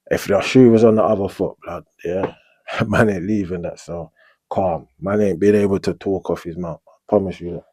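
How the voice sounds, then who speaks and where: A young man in his twenties with a London street accent, telling a long prison story in relaxed slang, often checking in with "you get me?". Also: deep voice, dry recording. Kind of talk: storytelling monologue.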